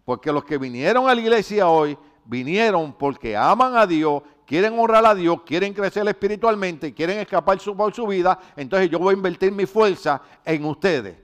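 A middle-aged man from Rico, preaching a conversational sermon in a lively, rambling storytelling way with rhetorical questions. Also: high-pitched, moderate pace, hardly any pauses. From Puerto Rico. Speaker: pastor.

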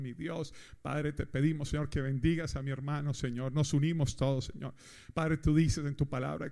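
A man from Colombia preaching to a congregation, speaking straight to them. His voice sits fairly high, and his delivery is lively and animated. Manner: animated, addresses the congregation directly. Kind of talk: sermon.

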